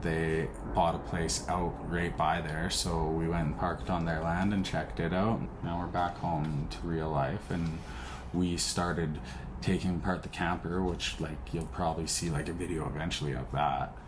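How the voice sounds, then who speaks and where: A man's voice: deep voice, level tone, unhurried, noisy background. A man co-hosting a casual chat, rambling with lots of filler words. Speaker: co-host, groom.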